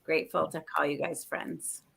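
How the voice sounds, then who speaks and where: Casting: female host, lowish voice with a bright, gravelly edge, upbeat. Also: little pitch movement, normal speed. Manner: friendly and upbeat, giving thanks. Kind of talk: casual chat.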